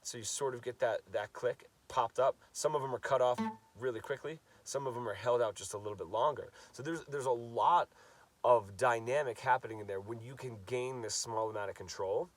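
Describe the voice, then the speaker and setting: A guitar coach with a cold-stuffed nose gives a casual lesson, his medium-pitched voice brisk and picked up by a distant mic. He talks loosely, repeating words as he demonstrates.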